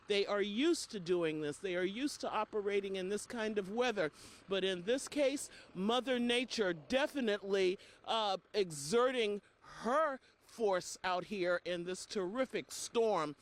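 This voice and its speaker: A woman delivering live field news reports with an emphatic on-air delivery, recorded outdoors on location. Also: mid-range voice. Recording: outdoor field audio with faint noise.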